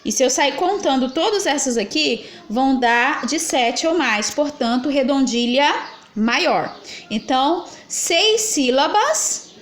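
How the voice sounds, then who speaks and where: High-voiced Brazilian woman teaching. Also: lively intonation, unhurried. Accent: Brazilian Portuguese. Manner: patient, explains step by step, counts syllables aloud, checks with "tá?". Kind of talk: exam prep lesson.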